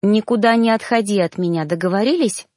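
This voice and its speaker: A woman voicing a calm, kind young female reaper who speaks gently and reassuringly. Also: medium pitch, a little fast, no room sound, studio quality, natural voice. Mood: gentle, firm.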